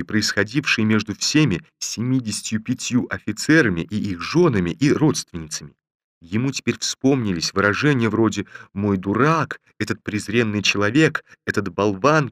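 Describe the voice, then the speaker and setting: A man narrating a classic novel in a steady, measured storytelling manner. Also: lowish voice, dry recording, clean studio sound. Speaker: audiobook reader. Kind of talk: scripted literary narration.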